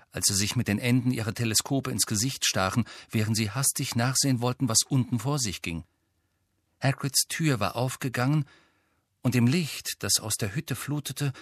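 A man reading a novel aloud with steady, even storytelling. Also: mid-range voice, no room sound, studio quality. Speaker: audiobook narrator. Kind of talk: scripted narration.

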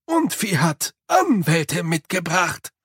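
A man voicing a grumbling, hunched male manservant who speaks in loud, emphatic bursts. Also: high-pitched, big pitch swings, slow pace, breathy edge, no room sound, studio quality, full character voice. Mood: gruff.

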